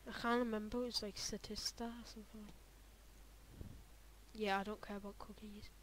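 A woman's voice: mid-range voice, flat delivery, normal speed, a little hiss or hum, rough recording. A young woman chatting casually as she reacts to her own old videos, rambling with lots of fillers and trailing off. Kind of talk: casual reaction vlog commentary.

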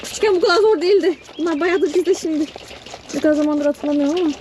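A woman's voice: very high-pitched, quick pace, darkish tone. A young woman doing farm chores and chatting casually to her camera and to the animals as she feeds lambs. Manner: chatty, self-talking, coaxing animals. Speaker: farm vlogger. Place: barn with sheep and chickens. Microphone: head-mounted camera mic. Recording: noisy barn recording with bleating. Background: bleating lambs and sheep.

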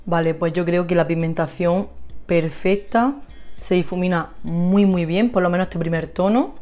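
Una vlogger de belleza con acento de España que charla de forma animada y entusiasta con sus seguidoras mientras se maquilla. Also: female voice, on the low side, steady tone, moderate pace, darkish tone, soft background music. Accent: Spain Spanish. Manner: chatty, gushing, talks to viewers while applying makeup. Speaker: beauty vlogger. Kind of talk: casual makeup tutorial chat.

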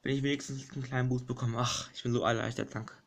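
A young man giving casual commentary over a platform game, fretting aloud, pleading, and yelling at enemies. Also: mid-range voice, fast, creaky. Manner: excitable, frets and shouts at enemies. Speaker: gaming YouTuber. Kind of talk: casual let's play commentary. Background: game music.

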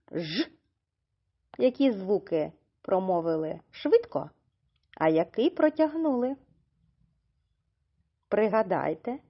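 A woman teaching a literacy lesson to young children, sounding out letters slowly and clearly for them to repeat. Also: mid-range voice, a little mellow. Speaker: preschool teacher. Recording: dull lo-fi recording.

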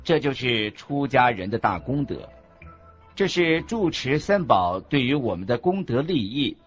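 Sing-song and unhurried at medium pitch, one man reads a radio drama's scripted religious lessons as a monk's teachings. He delivers them carefully, like a lesson, over muffled sound with a music bed.

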